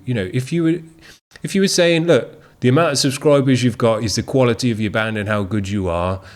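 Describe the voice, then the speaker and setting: A man in his late thirties talks casually to his channel's viewers, rambling with plenty of fillers and restarts. He sounds enthusiastic and heartfelt, and his voice sits slightly low. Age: 30s. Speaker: music channel host. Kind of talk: casual chat.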